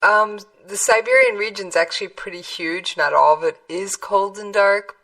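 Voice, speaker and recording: A woman's voice: medium pitch, very animated, normal speed, gravelly, bright, forceful tone, far from the mic, rough recording. A woman interviewing someone in a casual, conversational way.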